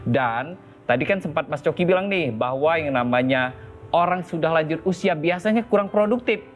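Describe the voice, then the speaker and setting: A man with a moderately high voice. He explains promotionally as a panelist, posing rhetorical questions and supplying the answers. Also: animated, normal speed. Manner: asks and answers own questions. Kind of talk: promotional talk-show explanation.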